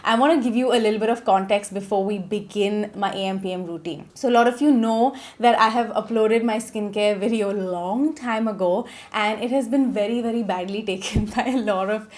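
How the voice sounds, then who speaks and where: This thirty-something beauty vlogger speaks at medium pitch, a little fast and with hardly any pauses, her darkish voice made nasal by a cold. She chats casually and keeps checking in with "okay?".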